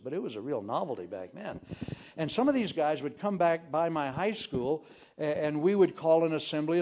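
An older man preaching a sermon full of humorous, self-deprecating stories, folksy and animated. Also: mid-range voice. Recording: muffled lo-fi recording.

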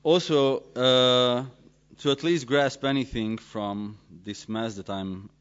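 A man's voice: medium pitch, clear, resonant tone. Man pastor. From Serbia (former Yugoslavia). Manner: joking, self-deprecating, halting. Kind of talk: conference talk. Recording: dull lo-fi sound.

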